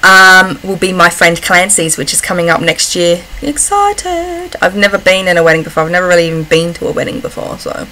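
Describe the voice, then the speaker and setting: A woman's voice: lowish voice, little pitch movement, quick pace, hardly any pauses, sharp tone, slight background noise, low-quality recording. An Australian woman chatting casually as she answers personal questions in a vlog, often breaking off and restarting in a giggly, informal way. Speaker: vlogger.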